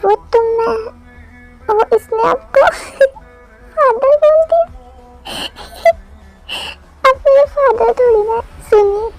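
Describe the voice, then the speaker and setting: A woman's voice: very high-pitched, quick pace, gravelly, a little mellow, lo-fi sound, soft background music. A young woman voicing a playful, stubborn young wife in a spoken fan story, whining and insisting. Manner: whiny, stubborn.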